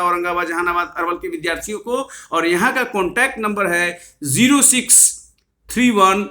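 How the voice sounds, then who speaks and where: Guy explaining stuff off slides, bright voice, says things twice. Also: high-pitched. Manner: earnest, repetitive, reads out addresses and numbers. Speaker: educational YouTuber explaining board procedures. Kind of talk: slide-based explainer lecture.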